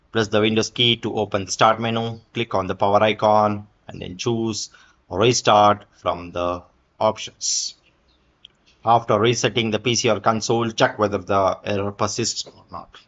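Bright-voiced man reading a tech tutorial. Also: on the low side, dull audio. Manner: reads an article aloud with fillers and small slips. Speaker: tutorial narrator. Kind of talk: screen-recorded tech tutorial.

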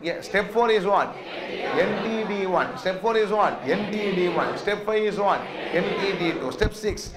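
A man's voice: high-pitched, measured pace, reverberant, a loud crowd, heavy background noise. A middle-aged man with a South Indian Tamil accent, lecturing a class, repeating phrases and checking with rhetorical questions. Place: indoor classroom, talking to students.

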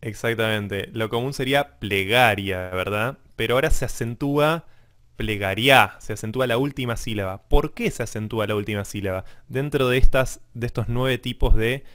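A man lectures on music theory in a steady, explanatory way. His voice sits at a middle pitch, and he keeps checking in with his students as he goes. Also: brisk, few pauses. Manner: explanatory, checks understanding with frequent "¿sí?". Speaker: music teacher. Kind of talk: online class lecture.

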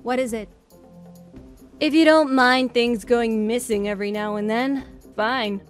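A woman's voice: on the high side, fairly even intonation, a little slow, soft background music, natural voice. A woman voicing a brusque, bold, teasing female companion in a video game, with a curt, impatient manner. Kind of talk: video game character dialogue.

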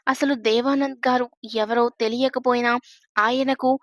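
A timid young pregnant woman tells her story in a storybook tale, read by a woman. She speaks hesitantly. The voice is high and recorded dry and close. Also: fairly even intonation, moderate pace, no room sound, natural voice.

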